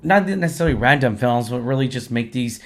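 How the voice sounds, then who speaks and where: A man with a hoarse, worn-out voice hosting a casual film review chat, effusive and repeating himself. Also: mid-range voice, animated, fast. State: hoarse, lost his voice after singing at a concert. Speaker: host of a movie review show.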